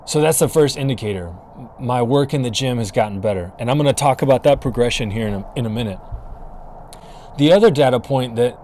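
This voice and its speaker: A man's voice: medium pitch, darkish tone, slight background noise. Earnest man podcasting outdoors. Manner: earnest, encouraging, self-correcting with restarts. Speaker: podcast host. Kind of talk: casual solo podcast talk. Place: outdoors in the cold. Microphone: camera and mic, filming himself.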